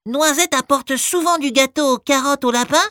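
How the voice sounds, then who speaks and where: A squeaky tiny storybook mouse. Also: female voice, moderate pace, sharp tone, dry recording, clean studio sound. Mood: eager. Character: tiny helpful female mouse.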